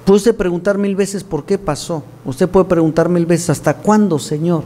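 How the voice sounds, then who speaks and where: In a church, a male pastor preaches a sermon in an earnest, direct way, often addressing listeners as "my brother" and slipping in wry asides. His voice sits high, with a steady, warm tone at normal speed.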